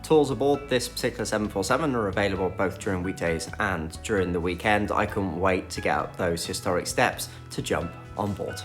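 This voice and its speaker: A man's voice: sits low, brisk, few pauses, faint music behind. A man narrating a scripted tour as a travel vlog host.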